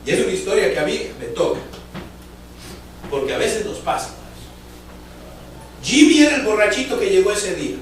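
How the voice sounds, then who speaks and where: A man preaching a fervent sermon to his congregation, telling a story with drawn-out emphatic phrases and speaking to the listeners directly. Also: high-pitched, very animated, a little hiss or hum. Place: church sanctuary. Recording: echoey church hall from far off.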